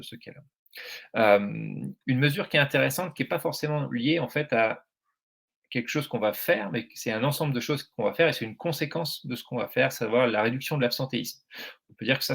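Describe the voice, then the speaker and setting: A man's voice: medium pitch, gravelly, fairly bright tone, slightly rough. A French man giving a presentation at a meetup, speaking hesitantly with many fillers and restarts. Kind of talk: presentation talk.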